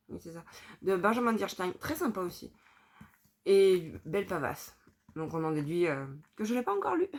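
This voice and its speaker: A young woman chatting casually about her books, candid and thinking aloud with lots of fillers. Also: mid-range voice. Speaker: book vlogger. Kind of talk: casual chat.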